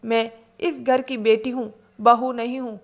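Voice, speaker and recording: Woman reading an indignant young married daughter, insistent and reproachful, fairly high voice; storybook. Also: little pitch movement, unhurried.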